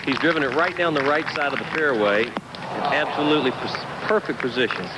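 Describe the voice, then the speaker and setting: Guy calling golf shots from the course, medium pitch, noisy outside. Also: a little fast. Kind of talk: live golf commentary. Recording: outdoor course report, background noise.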